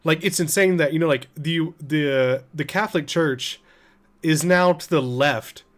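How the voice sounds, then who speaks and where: A man's voice: on the high side, a little slow. A young man who teaches, co-hosting a casual podcast chat, rambling with many fillers and stammered restarts.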